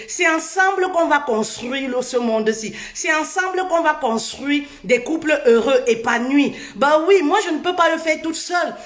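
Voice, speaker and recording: Female live host, high and unhurried, animated, echoey room, faint music behind. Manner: sings playfully between greetings; animated, urging viewers. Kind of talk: casual live chat.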